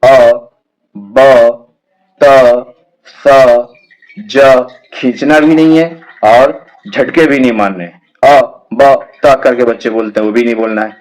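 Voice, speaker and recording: Guy teaching kids quran letters, slow and patient, plain mid-pitched voice. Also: a little mellow, rough recording. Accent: Indian Urdu. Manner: slow drawn-out drilling of letter sounds; patient, repeats each step. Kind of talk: children's alphabet lesson.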